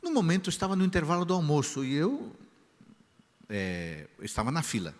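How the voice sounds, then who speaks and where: A man preaching a sermon as pastor, who tells a story with lively quoted voices. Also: fairly high pitch, a little fast. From Brazil. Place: large church hall. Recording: church hall reverb.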